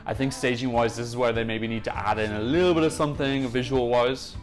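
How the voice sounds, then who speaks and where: A young man hosts a Eurovision music reaction channel in a medium-pitched, steady voice that runs a little fast. He chats with enthusiasm, gushing as he offers casual analysis.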